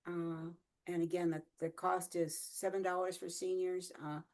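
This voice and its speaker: A woman's voice: on the low side, level tone, normal speed, a little mellow. A woman organizing a fan gathering, chatting casually on a video call with many fillers.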